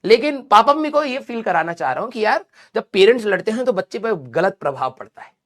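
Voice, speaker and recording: A man's voice: sits high, quick pace. Male teacher telling a funny childhood story to his class, voice bouncing all over, keeps tacking on fillers. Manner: animated storyteller, often tags lines with a filler. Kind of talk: comic childhood anecdote told to a class.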